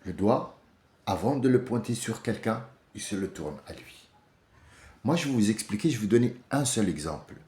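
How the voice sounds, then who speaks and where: A man with an Algerian accent delivering an emphatic, rousing monologue to his viewers, swinging between loud outbursts and low asides. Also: animated, normal speed, echoey room. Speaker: vlogger. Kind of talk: impassioned monologue to camera.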